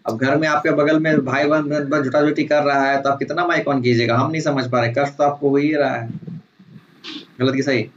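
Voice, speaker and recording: Jovial teacher with a lilt. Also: male voice, mid-range voice, fairly even intonation, brisk. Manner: teasing, jovial, calls on students by name. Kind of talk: casual online class. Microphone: video call. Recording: dull online call audio with faint noise.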